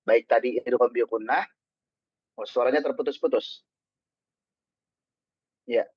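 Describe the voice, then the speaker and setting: A man's voice: medium pitch, breathy edge, no room sound. Patient man teaching tajwid online. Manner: patient, repeats and asks pupils questions; slows down to model Quranic words. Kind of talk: online Quran recitation lesson. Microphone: online call microphone. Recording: dull, dry online call audio.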